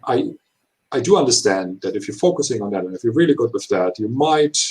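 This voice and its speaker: A man of 39 who is not a native English speaker gives interview answers in halting, imperfect English full of hesitations. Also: mid-range voice, lively intonation, a little mellow. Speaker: HR professional being interviewed.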